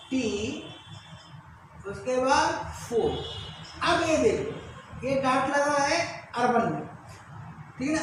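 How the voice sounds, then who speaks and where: A woman teaching an English grammar lesson, drilling pronunciation with repeated quiz questions to her students. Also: sits high. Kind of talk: classroom-style grammar lesson. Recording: very echoey room, faint background noise.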